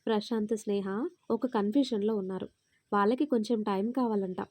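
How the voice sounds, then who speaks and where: A woman's voice: medium pitch, fairly even intonation, brisk, dark tone, no room sound. A young woman narrating an audio story and voicing every character's dialogue herself with light acting.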